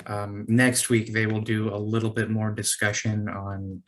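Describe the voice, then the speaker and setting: A city planning staffer serving as committee liaison answers questions on a conference call, careful and hesitant. His fairly low voice is flat and unhurried.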